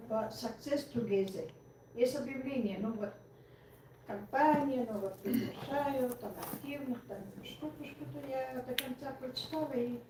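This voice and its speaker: A woman in her sixties giving a personal testimony, telling it animatedly and with laughs. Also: sits high. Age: 60s. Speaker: business partner. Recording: echoey room, far from mic, faint hiss.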